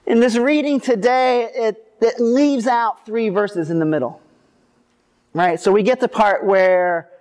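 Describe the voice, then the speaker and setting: A man's voice: sits high, a little mellow, clear, resonant tone. A man preaching to a congregation at a pulpit microphone, speaking as a pastor in an informal, explanatory way. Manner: informal, explanatory, lightly humorous. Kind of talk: scripture reading and conversational sermon. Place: speaking to a seated congregation at a church service.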